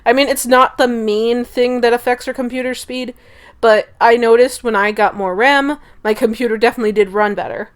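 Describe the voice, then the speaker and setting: A woman's voice: on the high side, steady tone, a little fast. A young woman talking casually through a gaming setup tutorial, chatty and often correcting herself. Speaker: gaming YouTuber. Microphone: desktop USB mic.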